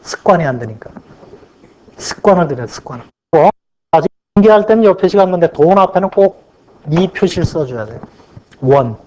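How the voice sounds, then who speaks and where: A man's voice: on the high side, expressive, mellow. A man teaching an accounting class, asking the class questions and answering them himself, stretching out the key points. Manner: drawn-out stress on key points. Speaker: accounting lecturer. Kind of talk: classroom lecture. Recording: dull lo-fi lecture recording.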